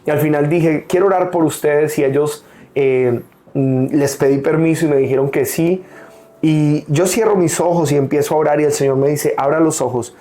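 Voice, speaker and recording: Earnest young male pastor, mellow voice. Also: fairly high pitch, steady tone. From Colombia. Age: young adult. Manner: earnest, personal testimony with frequent "eh" pauses. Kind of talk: sermon.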